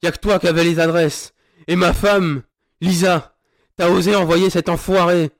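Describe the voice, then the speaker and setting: A man's voice: a little high, a little slow. A man playing a furious vengeful sergeant. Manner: snarling, taunting, swearing. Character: grieving vengeful male sergeant, furious, crude. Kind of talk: audio drama acting.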